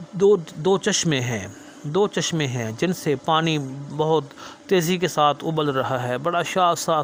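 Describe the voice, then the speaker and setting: A man's voice: fairly high pitch, slight background noise. A man explaining Quranic verses in an earnest sermon style, often repeating phrases for emphasis. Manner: melodic drawn-out chanting of verses, then earnest explanatory speech. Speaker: Quran teacher.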